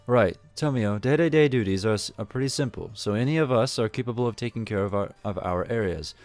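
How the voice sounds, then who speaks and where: A man's voice: on the low side, a little fast, a little mellow, faint music behind, natural voice. A man voicing a young female resort supervisor who explains duties in a matter-of-fact way. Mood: brisk.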